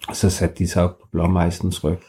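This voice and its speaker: A man telling an improvised bedtime story to a child, animated and playful with sound effects. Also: deep voice.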